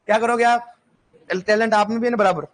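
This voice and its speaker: Male agriculture teacher, high voice, classroom lecture, drills students with repeated questions, playful. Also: fairly even intonation, a little fast.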